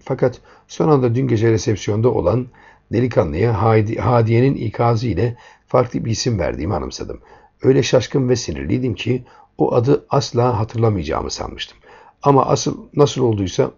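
A man's voice: mid-range voice, animated, normal speed, creaky, darkish tone, slightly rough. A man reading a first-person story aloud in a tense, dramatic way, in a dull lo-fi recording.

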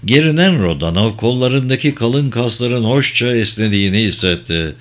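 A man narrating an adventure novel as an audiobook, in a steady, measured storytelling voice. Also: medium pitch.

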